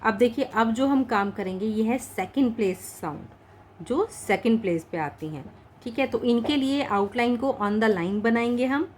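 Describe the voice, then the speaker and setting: Woman, patient shorthand teacher, Indian English words, fairly high voice, faint hiss behind. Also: a little mellow. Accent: Indian English words mixed into Hindi. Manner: patient, explains slowly, repeats words. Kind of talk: online lesson, dictating practice words.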